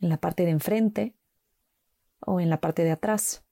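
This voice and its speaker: A woman slowly guiding a mindfulness walk with calm, gentle instructions and long pauses. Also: lowish voice, vocal fry, no room sound, studio quality. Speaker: meditation guide.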